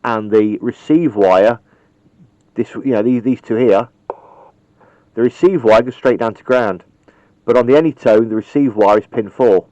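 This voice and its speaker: A radio hobbyist casually shows how to wire a radio microphone, rambling and chatting with lots of ums and the occasional mild swear. His voice is medium-pitched and dark-toned, at a normal speed with long pauses. The recording is dull, lo-fi home video sound with no room ambience.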